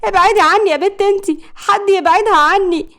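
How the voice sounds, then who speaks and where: A woman's voice: high voice, fast talker, a little mellow, natural voice. A woman voicing a giddy, boastful young Egyptian woman fan. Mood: screaming.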